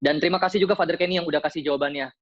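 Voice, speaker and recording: A man's voice: a little high, steady tone, racing, dry recording. A man hosting an online Q&A, casual and chatty, reading questions aloud. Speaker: host. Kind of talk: online Q&A moderation. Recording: dull, dry lo-fi sound.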